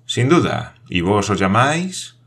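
A lanky, absent-minded foreign traveler, as a low-voiced man puts him on, chatters without pause and fires off one question after another. He is eager and keyed up, pitched a little above the reader's own deep voice, and jumps from one topic to the next. A storybook figure, bustling and distracted. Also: very animated, gravelly, a bit bright, husky, heavily acted. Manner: rapid-fire questions, hops between topics.

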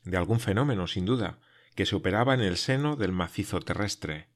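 A man reading a first-person adventure story aloud, in a measured, dramatic way that sinks to hushed tones. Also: sits low, expressive. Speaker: audiobook narrator. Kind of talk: first-person literary narration.

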